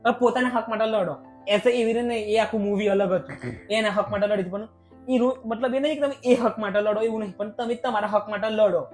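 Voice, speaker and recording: A young man, a vlogger and podcast guest, talking in emotional, animated bursts in a casual conversation. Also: high-pitched, quick pace, soft background music.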